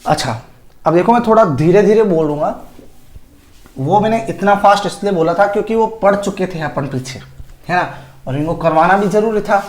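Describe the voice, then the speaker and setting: A male chemistry teacher lecturing at a whiteboard, posing rhetorical questions to the class and answering them himself. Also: high-pitched. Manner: asks himself rhetorical questions and answers them, calls students "sir" and "child". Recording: echoey room.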